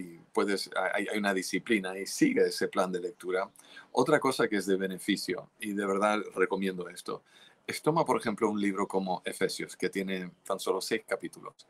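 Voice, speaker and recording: A man preaching a teaching sermon, earnest and exhorting listeners, often restarting his words mid-sentence. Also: low voice. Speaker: pastor.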